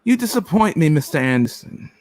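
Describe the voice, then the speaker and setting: A man reading a cold, menacing government agent in a radio play, speaking slowly, deliberately and formally. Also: fairly high pitch, big pitch swings, a little mellow, dry recording.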